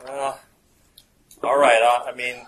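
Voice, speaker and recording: A man voicing a hazy, broke English stoner who rambles slowly and hesitantly, with an English accent. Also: mid-range voice, level tone, a bit bright, slight background noise, poor audio. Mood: rambling. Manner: slow, rambling, hesitant drawl.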